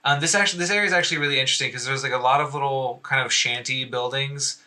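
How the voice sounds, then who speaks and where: A man's voice: medium pitch, racing, sharp tone. A man narrating as dungeon master, rambling loosely with many fillers. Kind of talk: narrating a tabletop game.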